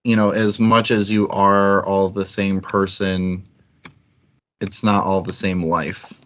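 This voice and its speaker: On a book club livestream, a male co-host talks about books in a casual, rambling way, thinking aloud. He takes it slowly with a low-pitched, flat delivery and a fairly bright tone.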